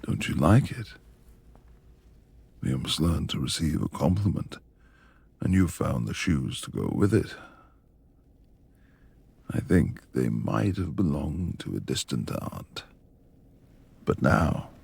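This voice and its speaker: Here the same man voices the reclusive, brooding beast lord of a manor for a romantic ASMR roleplay. His very deep, darkish voice is exaggerated, gravelly and breathy, gruff but tender, with formal, old-fashioned wording.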